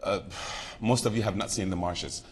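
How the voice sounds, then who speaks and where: A low-pitched man's voice at normal speed: a middle-aged southern Iraqi on a conference panel, speaking off the cuff. His talk digresses, and he frequently starts sentences over.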